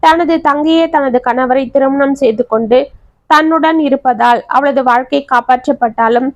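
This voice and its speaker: A woman narrates a family tale in a steady, even manner with a high voice. The recording is dry and close, with a slightly dull, muffled top end. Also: moderate pace, dry recording. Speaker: storyteller. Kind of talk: scripted story narration.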